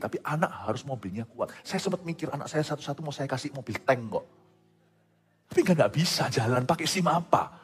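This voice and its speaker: A man's voice: mid-range voice, slightly rough. A middle-aged man, preaching a sermon in a conversational way, often checking whether the congregation follows him and slipping in English phrases. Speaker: pastor. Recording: echoey hall with faint music.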